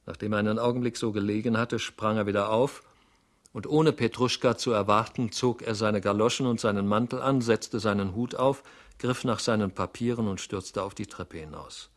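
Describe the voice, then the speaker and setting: A man reading a novel aloud as narrator, in a measured, somber manner. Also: lowish voice.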